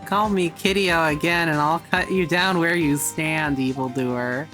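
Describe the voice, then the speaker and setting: A woman's voice: low-pitched, measured pace, over music. Woman playing a bratty, cocky little boy. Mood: boastful, defiant. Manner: defiant, boastful, snotty. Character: bratty, cocky twelve-year-old boy, a hero-show fanatic. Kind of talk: amateur video game voice-over.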